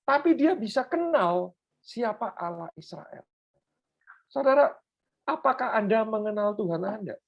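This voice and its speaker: A man from Surabaya with a Surabaya accent preaching a sermon, animated, addressing the congregation and mixing in English phrases. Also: sits high. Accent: Surabaya Javanese. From Surabaya, Indonesia. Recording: dull lo-fi sound.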